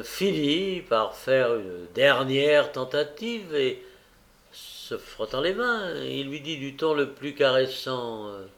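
A man narrating a classic novel as an audiobook reader, measured and deliberate with occasional hesitant fillers. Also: mid-range voice, vocal fry.

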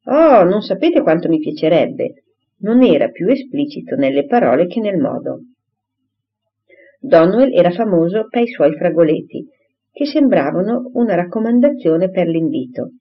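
A woman narrating a classic novel as an audiobook, in an expressive, lively storytelling manner. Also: on the low side, husky. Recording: dull lo-fi audiobook recording.

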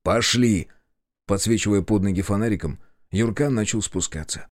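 A man narrating a horror audiobook in an expressive, suspenseful manner. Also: on the low side, normal speed, no room sound, studio quality.

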